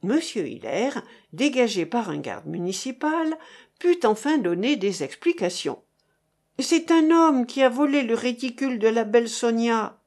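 A woman reads a novel aloud at an unhurried pace. Her delivery is expressive, with a lively, wide-ranging pitch. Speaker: narrator. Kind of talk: audiobook reading of a novel.

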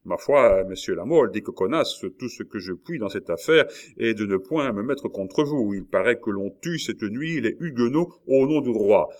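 A man's voice: fairly low pitch, animated, moderate pace, few pauses, pitched above the performer's own voice, lightly acted. A man voicing a rash, hot-blooded young nobleman who blusters and exclaims. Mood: blustering.

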